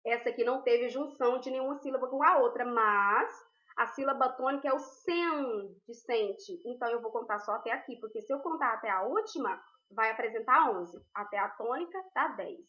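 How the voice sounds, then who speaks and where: A woman's voice: fairly high pitch, brisk, sharp tone. A woman teacher giving a recorded class, explaining patiently step by step and checking in with her students often. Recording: roomy, dull lo-fi.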